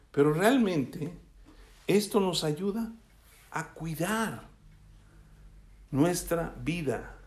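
A man's voice: fairly high pitch, darkish tone. A man preaching a sermon, often asking his listeners for a yes as he goes. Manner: asks the congregation "¿sí?" often. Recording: echoey room.

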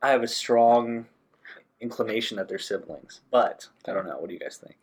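A young man in casual chat with friends, often pausing to search for his words. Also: mid-range voice, slightly rough.

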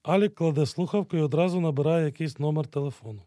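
A man calmly reading out the stage directions of an audio drama. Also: on the high side, quick pace, no room sound, clean studio sound. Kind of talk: scripted narration.

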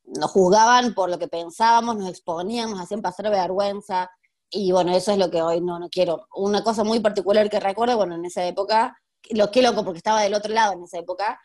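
A woman's voice: medium pitch, fairly even intonation, quick pace, darkish tone. Chatty Rioplatense woman in her thirties. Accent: Rioplatense Spanish. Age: 30s. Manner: chatty, laughs often, frequent fillers. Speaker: history teacher. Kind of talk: conversational interview.

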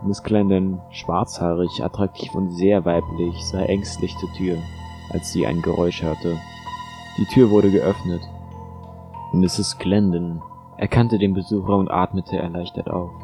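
A man narrating a thriller audiobook in a steady, measured way. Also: sits low, over music.

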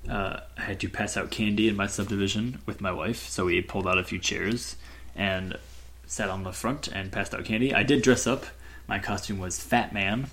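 A man's voice: fairly low pitch, steady tone, normal speed, a bit bright, slight background noise. A young man in his twenties, co-hosting a podcast and telling rambling stories with lots of fillers. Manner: rambling storyteller, fillers, laughs a lot. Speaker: podcast co-host. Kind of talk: casual chat.

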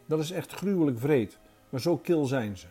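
A man's voice: fairly high pitch, expressive, moderate pace, mellow, slightly rough, soft background music. A man voicing a thoughtful, worried man in a storybook, speaking reflectively and with growing anxiety.

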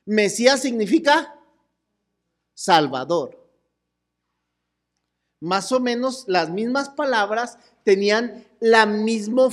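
A woman preaching to a congregation that includes children, asking them questions and now and then shouting out phrases. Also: medium pitch. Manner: animated, asks the crowd questions and calls out with them. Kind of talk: sermon to a mixed congregation with children.

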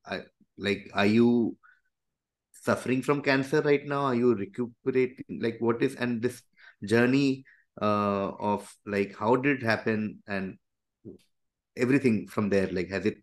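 A man with an Indian accent interviewing as a podcast host, asking questions in a halting, conversational way and often rephrasing them. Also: mid-range voice. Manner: halting, circling around questions with repeated rephrasing.

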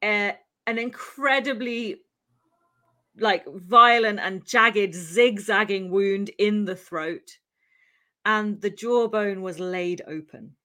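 A woman's voice: medium pitch, slow pace, pushed and bright. A Welsh-born woman co-hosting a podcast, telling a true-crime story in a chatty way, with fillers and frequent laughs. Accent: English with faint Welsh traces. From Wales. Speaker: podcast co-host.

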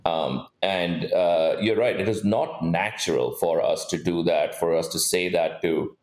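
A man's voice: low-pitched, unhurried, a little mellow. A man from India co-hosting a casual podcast chat, earnest and advising, with many fillers. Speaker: podcast co-host. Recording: roomy echo.

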